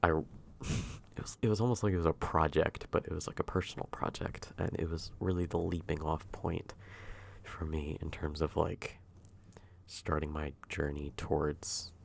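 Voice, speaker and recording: A man speaking softly and intimately, close to a whisper, in a drifting, hesitant ASMR whispered role-play ramble. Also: extremely low pitch, steady tone, normal speed, creaky, slight background noise. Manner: hushed, intimate, near-whisper at times.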